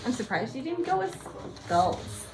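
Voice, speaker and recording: A woman's voice: high voice, big pitch swings, measured pace, a little mellow. A woman hosting a spooky craft tutorial in a playful, conversational horror-host manner. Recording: music playing behind the voice. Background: music.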